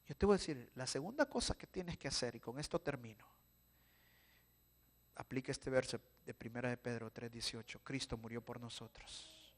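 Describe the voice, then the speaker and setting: A male pastor, preaching a sermon and swinging from hushed pleading to loud exhortation. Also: mid-range voice, normal speed. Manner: preaching with sudden shouts and soft pleading drops.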